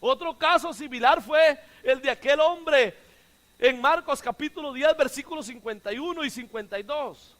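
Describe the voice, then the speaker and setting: A male pastor preaches a sermon at normal speed in a very high-pitched voice, swinging from shouts to hushed quotes. He has the congregation repeat his words.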